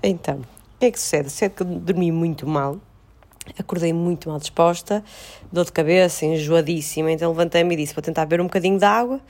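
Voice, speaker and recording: Fast-talking Portuguese woman recounting. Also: on the low side. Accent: European Portuguese. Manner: insistent, expressive storytelling. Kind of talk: casual chat.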